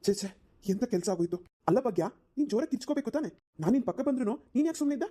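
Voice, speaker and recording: A woman's voice: on the high side, animated, rapid-fire, warm tone, slight background noise, close to an everyday voice. A woman voicing a flustered young husband in a cartoon, pleading and exasperated. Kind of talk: cartoon voice acting.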